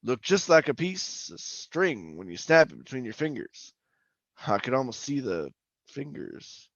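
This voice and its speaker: In a first-person suspense narration styled like old-time radio drama, a man plays a jittery, haunted oil rig worker who recounts his story uneasily, colloquial and stammering. His mid-range voice is creaky and unhurried with big pitch swings, in full character. The audio is dull with no room sound.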